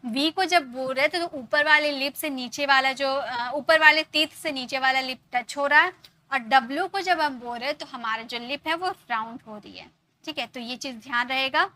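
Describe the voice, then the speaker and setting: Bright, high-voiced woman teaching English. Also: normal speed. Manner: explains step by step, repeats example words, checks in with "ok". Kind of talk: online grammar lesson.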